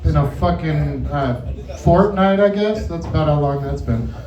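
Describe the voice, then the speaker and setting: A man's voice: a little high, expressive, unhurried. A man telling stand-up stories at an open mic in a rambling, casual, sweary way, chuckling as he goes. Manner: chuckles through his own stories. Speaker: amateur stand-up comedian. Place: open mic venue with echo. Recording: muffled, echoey room, distant mic.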